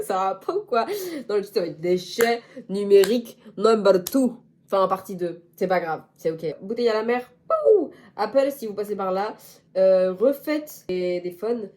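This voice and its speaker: A young woman in casual chat to camera as a vlogger, playful and self-mocking, with slang. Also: medium pitch. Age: young adult.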